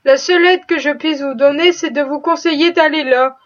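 Lady reading out a gruff old farmer, rough but kind, high voice, dull lo-fi sound. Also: fairly even intonation, moderate pace, close to an everyday voice. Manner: gruff, blunt, swearing. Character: rough, kind-hearted male farmer, older. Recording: dull lo-fi recording.

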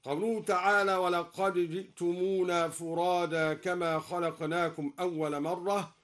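Higher-pitched man explaining and chanting recitation. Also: little pitch movement, fairly bright tone. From Egypt. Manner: alternates plain explanation with slow melodic recitation. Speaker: Quran recitation teacher. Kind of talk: explaining Quran reading variants with slow chanted recitation. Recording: broadcast radio recording.

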